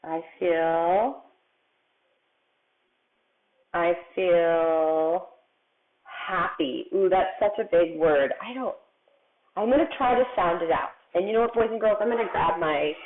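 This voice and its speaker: Kindergarten teacher lady, slow and patient, sounds words out, lively sing-song, phone-quality audio. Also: fairly low pitch. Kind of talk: remote writing lesson for young children.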